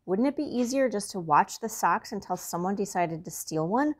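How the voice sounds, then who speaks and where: A woman reading a storybook aloud and voicing Wembley, an eager, helpful young male Fraggle, in a raised, excited voice. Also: moderate pace, lightly acted. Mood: speculating. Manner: raised, excited pitch for his lines.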